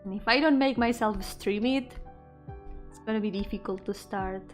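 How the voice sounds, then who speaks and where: A woman of medium pitch speaks at normal speed, casually chatting during a drawing livestream. The speaker, a VTuber art streamer and game developer, muses aloud with playful self-deprecation and switches between Spanish and English over background music.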